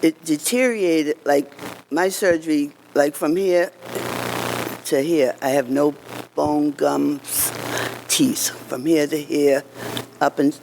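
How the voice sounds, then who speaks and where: A man giving informal, earnest testimony to a committee, halting and conversational, with slightly slurred speech as if one side of his mouth is numb. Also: a little high, steady tone, vocal fry, noisy background. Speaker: cancer survivor giving public testimony.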